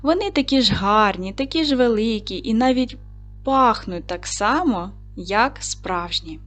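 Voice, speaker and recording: A woman teaching a recorded primary school lesson, patiently asking questions and slowly spelling out sounds and syllables. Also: a little high, expressive, fairly bright tone. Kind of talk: recorded video lesson for children.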